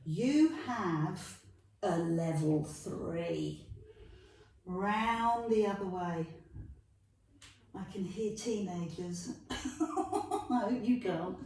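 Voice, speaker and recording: In an echoey room, heard from a distance, a middle-aged London woman leads a Pilates workout. Her voice is fairly high with a dark tone as she counts reps aloud, cheers the viewer on and makes jokey asides.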